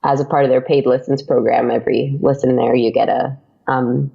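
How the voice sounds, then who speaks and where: A young adult woman with a rumbling low, dark, creaky voice talks a little fast with little pitch movement. She's a guest on a podcast and creates audio dramas, chatting casually in an interview, laughing often and using lots of fillers. The recording is dull lo-fi podcast audio.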